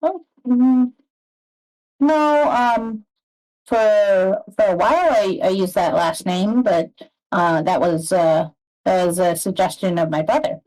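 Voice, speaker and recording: Woman as a hesitant, slow-spoken bereaved woman. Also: mid-range voice, a little mellow, natural voice, poor audio. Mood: guarded. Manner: halting, hesitant. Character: bereaved horned woman who runs an orphanage, hesitant.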